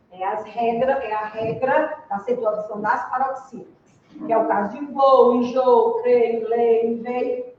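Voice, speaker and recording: Slow Brazilian woman teaching, echoey hall. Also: a little high, slight background noise. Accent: Brazilian Portuguese. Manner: slow, deliberate, spells out letters and checks with "certo?". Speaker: Portuguese teacher. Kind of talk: classroom grammar lesson. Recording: echoey room, distant mic, dull sound.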